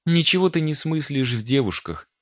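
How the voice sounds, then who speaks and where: A man's voice: fairly high pitch, animated, normal speed, no echo, studio quality, voice pushed up, natural voice. Man doing a teasing young woman. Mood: scolding. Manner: scolding, teasing.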